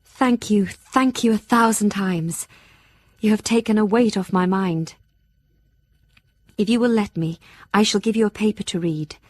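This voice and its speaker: In an audio drama, an actress voices an earnest, anxious young Victorian gentlewoman reading from her journal, formal, heartfelt, and measured, with a grateful, relieved mood. Her voice is mid-range, the acting light, and the recording dry.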